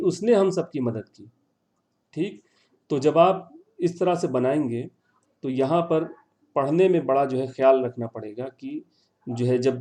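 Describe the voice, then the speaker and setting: A man's voice: fairly high pitch, mellow. A male teacher giving an online class, patiently repeating words and quizzing his students.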